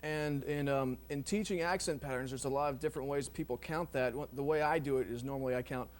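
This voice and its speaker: A man teaching drum technique in a relaxed, rambling way, full of ums and you knows. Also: medium pitch, fast, a little hiss or hum. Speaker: drum instructor. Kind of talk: casual instructional explanation.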